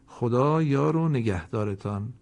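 A man teaching Quran reading, spelling words letter by letter and vowel by vowel, then reading each whole word slowly, with polite, formal classroom address. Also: mid-range voice, expressive, gravelly, a little mellow. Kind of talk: slow instructional lesson.

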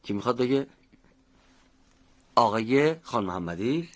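A man's voice: mid-range voice, expressive. A man teaching a pronunciation class, patiently explaining how each sound is made and calling on students by name.

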